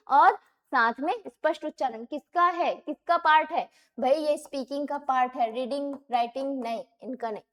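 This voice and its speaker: A woman teacher with a high voice gives an exam-prep lesson. She reads English questions out slowly, then explains each point, repeating key terms and posing questions she answers herself. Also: a bit bright.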